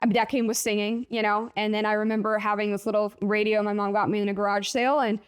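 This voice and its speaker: A woman's voice: medium pitch, level tone, fast, clear, resonant tone. A young woman from Mexico, a singer talking about her start in music in a bubbly, chatty way. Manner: bubbly, chatty, giggly, filler-heavy. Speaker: singer, interview guest. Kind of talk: casual interview.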